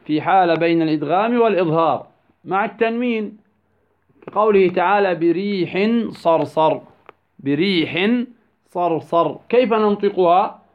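Male tajweed teacher, high-pitched, drawing out example words slowly; muffled lo-fi sound. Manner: asks prompting questions then answers them. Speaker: Quran recitation teacher. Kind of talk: tajweed lesson. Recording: dull lo-fi recording.

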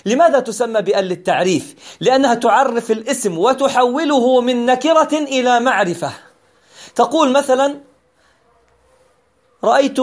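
A man with a strikingly high-pitched voice gives a grammar lesson. He explains patiently, repeating each point and posing questions that he then answers himself. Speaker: Arabic grammar teacher.

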